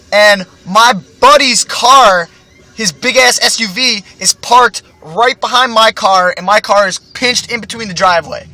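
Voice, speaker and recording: High, bright-voiced man rambling a story. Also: no echo. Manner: profane, rambling, boastful. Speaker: vlogger. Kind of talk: casual storytelling monologue.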